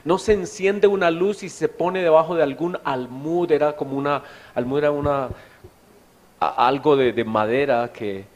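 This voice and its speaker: A man's voice: a little high, normal speed, darkish tone. A middle-aged Colombian man preaching a sermon in a church meeting hall, telling stories in a chatty way and asking the audience questions. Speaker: pastor.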